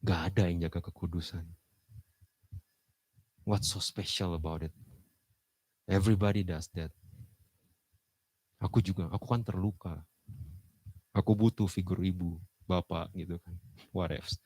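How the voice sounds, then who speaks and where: A male pastor preaching casually, dropping English phrases into slang and jumping to loud emphasis. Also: low-pitched, a little slow, pauses often, slightly rough, no echo. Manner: lively, with sudden loud emphasis. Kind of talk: sermon.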